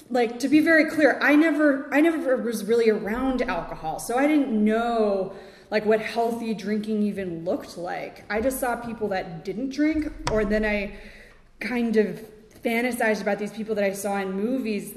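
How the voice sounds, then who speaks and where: Woman recovery speaker, halting, chatty fillers, small laughs, recorded in a reverberant hall. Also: medium pitch, a little mellow. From Connecticut, USA. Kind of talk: personal recovery testimony. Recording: echoey hall with long reverb.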